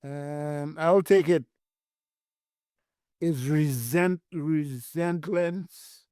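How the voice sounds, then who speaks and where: An older man from Saint Lucia, a guest author telling stories of his life at sea in an unhurried way, sometimes searching for words. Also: fairly high pitch, mellow, smooth, dry recording, studio quality. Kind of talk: podcast interview.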